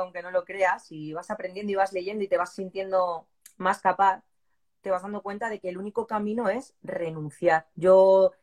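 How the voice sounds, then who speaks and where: A woman in her forties from southern Spain, telling an interviewer her personal story with strong feeling and lively quoted voices. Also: mid-range voice. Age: 40s. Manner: animated, moved, voicing people in her story. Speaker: interviewee, police exam candidate.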